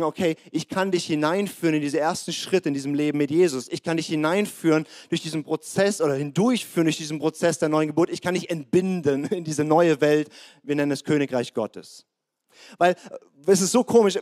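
A male preacher in the middle of a church sermon. His voice sits a little high, and he talks straight to his listeners in a warm-blooded, conversational way, with plenty of fillers and quick asides. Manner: lively, direct address to the congregation. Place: church service.

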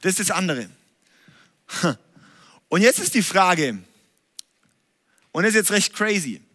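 A male preacher giving an energetic, livestreamed lesson on preaching from a stage, often checking in with tag questions. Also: high-pitched, takes it slowly, big-room sound. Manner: energetic, emphatic, asks listeners tag questions. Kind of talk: livestreamed teaching talk. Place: stage in a church hall.

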